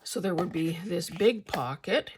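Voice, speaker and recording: An older woman hosting a casual craft vlog, speaking haltingly with a husky, gravelly voice, slightly mouth-full as if sucking a candy. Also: lowish voice, animated, a little hiss or hum. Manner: halting, hesitant delivery with pauses. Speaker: craft channel host.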